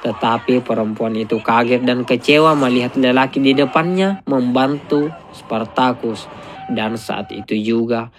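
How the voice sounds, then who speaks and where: A man doing a steady, scripted voice-over that retells a film's plot. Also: medium pitch, unhurried, a little hiss or hum. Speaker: film recap narrator. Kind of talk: scripted narration.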